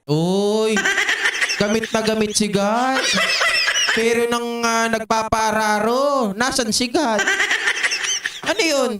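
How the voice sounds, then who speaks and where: A man's voice: very high-pitched, steady tone, slow pace, long pauses. A man hosting a political commentary livestream from home, mocking his targets, laughing often and reading viewer comments aloud. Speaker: livestream host. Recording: echoey, distant, loud noise.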